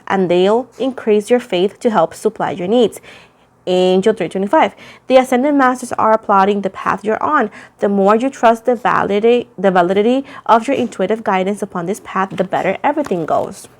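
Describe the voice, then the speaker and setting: A Puerto Rican woman hosts a casual, chatty tarot reading, rambling self-deprecatingly and repeating phrases for emphasis. She has a mid-range voice and speaks at a moderate pace.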